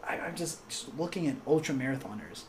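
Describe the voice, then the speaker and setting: A young man chatting casually, rambling with lots of fillers and animated storytelling. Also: mid-range voice, fairly quick, a little hiss or hum. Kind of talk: casual chat.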